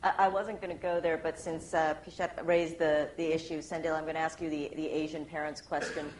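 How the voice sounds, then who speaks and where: A woman's voice: deep voice, flat delivery, a little fast, darkish tone. A woman moderating a panel, asking polite questions with small restarts. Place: conference hall. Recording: echoey hall, faint noise.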